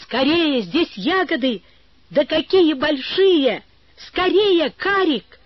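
A woman voicing a bold, impulsive young girl in an audiobook, with a high, bright child's voice. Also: big pitch swings, slow, no room sound, highs cut off, heavily acted. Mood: excited. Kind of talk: audiobook reading.

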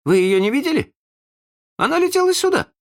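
A man voicing a boastful, excitable boy leader in a read-aloud storybook, in a high, bright boyish voice. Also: a little fast, exaggerated voice. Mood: cheerful, boastful.

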